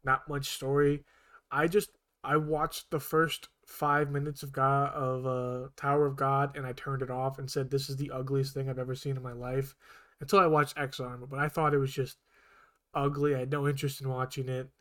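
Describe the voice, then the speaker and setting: A man with a medium-pitched voice speaks at a moderate pace as a podcast co-host. His casual chat rambles, with frequent restarts and self-corrections, all delivered in an even tone.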